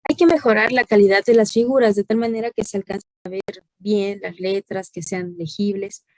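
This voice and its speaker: A woman's voice: mid-range voice, fairly even intonation, normal speed, darkish tone, no room sound. A woman, a teacher giving patient, corrective feedback on a student report during an online class. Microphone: video call.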